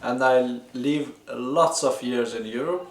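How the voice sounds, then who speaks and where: A man from Iran co-hosts a relaxed conversation about living abroad. He talks in a playful, animated way, full of fillers and restarts, at an average pitch, and his voice rings in a roomy, echoey space. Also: slow pace. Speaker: co-host. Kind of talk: casual chat.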